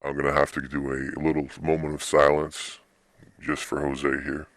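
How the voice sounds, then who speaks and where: Young male sports host, extremely deep, dry close sound, informal and meandering solo commentary. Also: flat delivery, normal speed, fairly bright tone, dry recording. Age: young adult.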